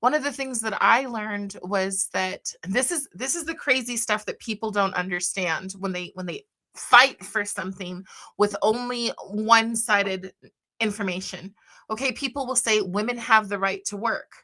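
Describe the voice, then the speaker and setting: Bright-voiced woman hosting an interview. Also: mid-range voice. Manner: quick affirming interjections. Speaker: podcast host. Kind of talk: conversational interview.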